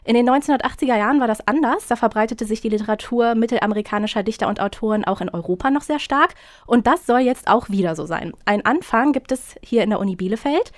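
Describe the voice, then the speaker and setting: Female radio host, measured and polite, dry studio close-up. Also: on the high side, dry recording. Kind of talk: radio interview and scripted intro.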